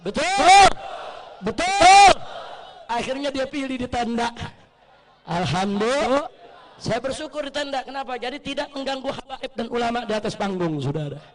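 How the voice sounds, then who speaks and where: A man preaching a fiery call-and-response sermon to a rally crowd, swinging between shouted chants and joking asides. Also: extremely high pitch, fast, few pauses.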